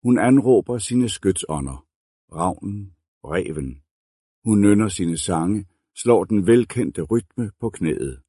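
A man reading a novel aloud as a narrator, in a measured, deliberate way. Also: fairly low pitch, expressive, dark tone, breathy edge, no room sound, clean studio sound. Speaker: audiobook narrator. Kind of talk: scripted narration.

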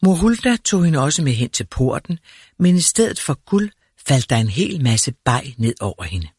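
Man reading a fairy tale, calm and even, slightly husky, dry close sound. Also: mid-range voice, no room sound. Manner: calm, measured storytelling. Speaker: narrator.

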